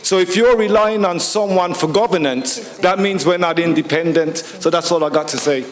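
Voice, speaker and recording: A man with a high voice stands up at a public hearing and argues with conviction, piling rhetorical questions on top of one another. His voice carries a long reverb from the large hall. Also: normal speed, background noise. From United Kingdom. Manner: forceful, rhetorical, repeats points with questions. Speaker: audience member at a public hearing. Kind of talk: impassioned public comment.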